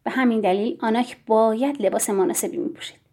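A woman reading a novel aloud in the first person, in a measured and expressive way. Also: on the high side. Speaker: audiobook narrator. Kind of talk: scripted first-person story narration.

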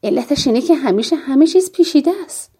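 A woman reading an audiobook in a calm, measured way. Her voice sits high but sounds mellow and soft rather than bright. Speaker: narrator. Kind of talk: audiobook narration.

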